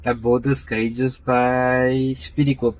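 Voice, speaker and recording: A man explains his car build in a casual interview. He talks haltingly, restarting sentences and filling gaps with "um" and "like", at an ordinary pitch for a man. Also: little pitch movement, low-quality recording. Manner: halting, full of restarts and fillers, technical.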